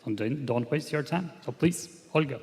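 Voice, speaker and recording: A man's voice: mid-range voice, moderate pace, darkish tone. A man moderating a conference, introducing speakers with formal, slightly non-native phrasing. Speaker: event moderator. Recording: hall reverb.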